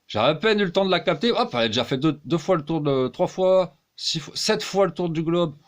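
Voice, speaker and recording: Guy ranting a crude rambling comedy bit, lots of exclaiming, pitch all over the place. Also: expressive, brisk. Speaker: one-man-show performer. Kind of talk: rambling comic monologue.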